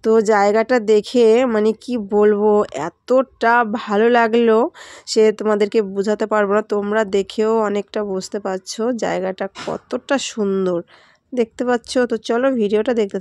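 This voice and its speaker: A woman's voice: medium pitch, fairly even intonation, normal speed, darkish tone, no room sound. A young woman vlogger chatting to her viewers as she walks outdoors along a muddy riverbank. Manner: chatty, talks straight to viewers while walking. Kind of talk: casual travel vlog.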